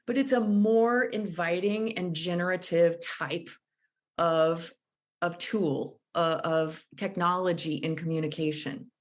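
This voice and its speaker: A woman leading a live online workshop on conflict mediation, speaking in a thoughtful, coaching way and sometimes searching for her words over a video call. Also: lowish voice.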